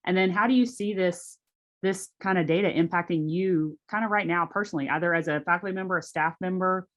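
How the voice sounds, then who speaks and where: A woman's voice: on the low side, fairly quick, a bit bright, lo-fi sound. A woman, giving a casual workshop presentation on a video call, chatty and conversational.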